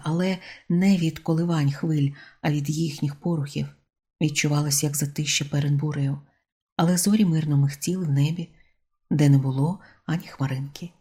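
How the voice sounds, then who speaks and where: A woman narrating a humorous novel as an audiobook, in a measured, wry storytelling manner. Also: deep voice, dark tone, breathy edge.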